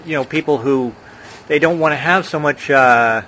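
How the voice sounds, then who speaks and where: A male podcast host with a somewhat high voice who keeps a relaxed, friendly tone. He laughs often as he chats with his guest in a casual interview. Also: moderate pace, slight background noise.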